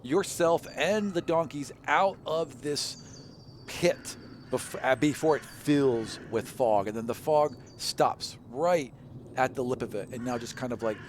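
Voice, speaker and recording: A man running a tabletop game as dungeon master, his voice sitting at a middle pitch. He describes the scene in a relaxed, rambling way, with lots of "like" and "you know" along the way. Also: unhurried, slight background noise. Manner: casual, loose narration with many fillers.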